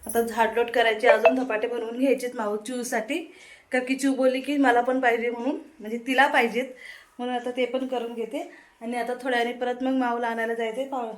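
A woman in her thirties, a mother narrating a casual family vlog, chatting to the camera as she goes about her day. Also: on the high side. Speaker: vlogger and mother. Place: home and school, indoors and out. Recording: busy room, loud background chatter and noise.

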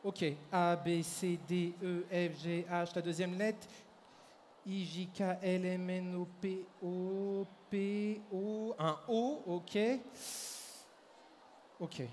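High-voiced man mentalist on stage. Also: little pitch movement, darkish tone, slight background noise. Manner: brisk, directs audience and volunteers on stage. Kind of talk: live stage mind-reading show. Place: large hall at a fair. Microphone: handheld microphone. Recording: echoey hall, faint crowd ambience.

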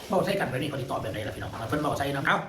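A man's voice: a little high, lively intonation, rapid-fire, distant mic. Isan-accented man chatting in an echoey room. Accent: Isan Thai. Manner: chatty, laughs while reading comments aloud. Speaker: channel host reading comments. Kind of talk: casual chat. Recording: echoey room with loud background noise.

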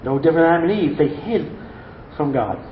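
A man's voice: on the high side, expressive, fairly quick, roomy sound, narrow, tinny audio, a little hiss or hum. A male pastor preaching a sermon earnestly, often repeating words and asking rhetorical questions. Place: church.

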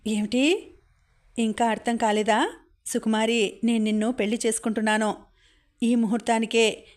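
A woman narrating a novel in the first person, with steady, even storytelling. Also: fairly high pitch. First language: Telugu. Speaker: audiobook narrator.

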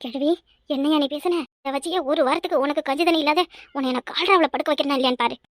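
A voice actor playing a sly, mocking young daughter-in-law in a cartoon. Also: female voice, high voice, fast talker, no echo, studio quality, natural voice. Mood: spiteful.

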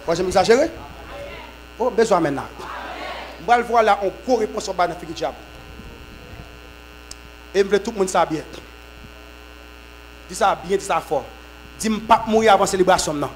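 A man preaches a sermon. His voice sits high for a man. He swings from shouted, fervent bursts to lower, quieter teaching. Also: normal speed, long pauses, a little hiss or hum, low-quality recording. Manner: shouts in fervent bursts with repeated amens, drops low when teaching. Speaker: apostle preaching at a conference.

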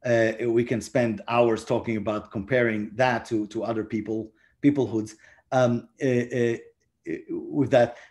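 Joining by video call from indoors at home, this guest diplomat is a man in his forties with an Israeli accent. His mid-range voice is steady, a little mellow and slightly slow. His answers to the interview questions are full of fillers and restarts.

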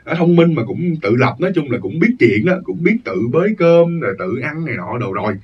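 Husky man telling ghost stories. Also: a little high, very animated, a little fast. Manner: rambling, repeats phrases, emphatic. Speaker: ghost story narrator. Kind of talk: casual storytelling. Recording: dull lo-fi recording, distant mic.

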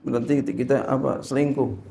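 A man's voice: medium pitch, little pitch movement, normal speed, creaky, mellow, echoey room, slight background noise. A male Islamic teacher teaching a religious lesson. He reads Arabic text, translates it and asks rhetorical questions.

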